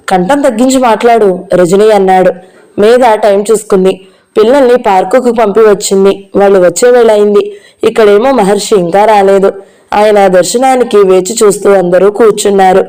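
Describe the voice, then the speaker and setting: A woman narrating a novel as an audiobook reader, in a steady, even storytelling manner. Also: mid-range voice, low-quality recording.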